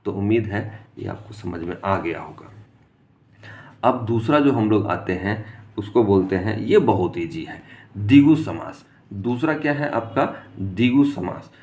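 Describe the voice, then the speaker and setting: A man's voice: fairly low pitch, lively intonation, unhurried, darkish tone. Man, exam-prep lesson, rhetorical questions, repeated key terms. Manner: asks rhetorical questions and answers them himself. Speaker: teacher.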